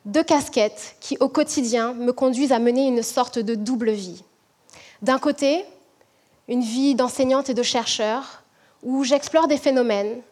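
A high-pitched woman from French Guiana delivers a prepared talk as a management professor. She speaks in a measured, reflective way and slows down to stress key points. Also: a little mellow.

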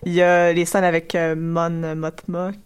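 A man talks through films in a measured, matter-of-fact way. His voice stays flat and even in pitch, with a smooth, clear tone. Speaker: podcast co-host. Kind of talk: casual film discussion.

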